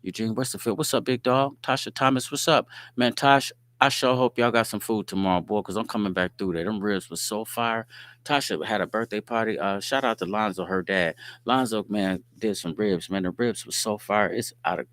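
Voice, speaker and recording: A very deep-voiced middle-aged man from Indianapolis hosts his podcast and tells stories in a relaxed, streetwise way. He keeps checking in with his listeners, and his voice is recorded close and dry with no room sound. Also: moderate pace, no room sound. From Indianapolis, USA. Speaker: podcast host. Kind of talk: casual storytelling talk.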